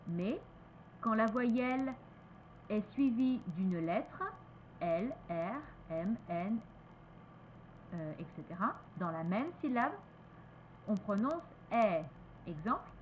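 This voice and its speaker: A woman with a French accent teaching pronunciation, repeating each word slowly and switching between French and English. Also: medium pitch, slight background noise, rough recording. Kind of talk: slow, careful pronunciation lesson.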